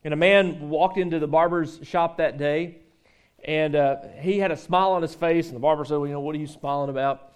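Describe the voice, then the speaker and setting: A male pastor delivers a sermon in a loose, conversational way, joking with the people in front of him. His voice sits a little high for a man. He also reads scripture aloud. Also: steady tone, brisk, clean tone. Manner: conversational, joking with the congregation, frequent restarts.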